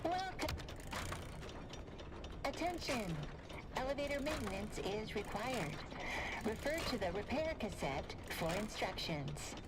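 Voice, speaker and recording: A woman's voice: fairly high pitch, big pitch swings, measured pace, pauses often, heavy background noise. A woman voicing a polite female robot elevator announcer in a game, glitching and repeating error messages over and over.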